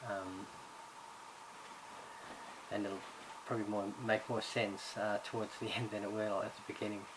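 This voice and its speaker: In a fairly low voice with little pitch movement, this man speaks at a moderate pace while giving a recorded course introduction as subject coordinator. Irish by birth and raised in Australia, he talks hesitantly, often using fillers and starting over. The audio carries background noise.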